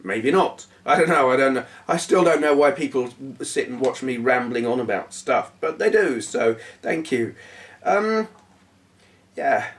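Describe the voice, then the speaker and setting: Hoarse guy rambling to the camera, lots of ums, a bit off-mic. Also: mid-range voice, expressive, unhurried, far from the mic. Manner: rambling, self-deprecating, hesitant with fillers. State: hoarse, voice going. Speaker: YouTube gaming channel host. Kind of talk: casual rambling talk to camera.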